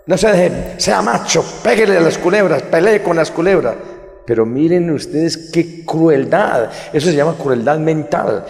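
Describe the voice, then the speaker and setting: A man's voice: fairly high pitch, a little mellow, long reverb tail. A man, a priest, preaching at a healing congress and telling stories with emphatic, rising indignation. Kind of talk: healing sermon.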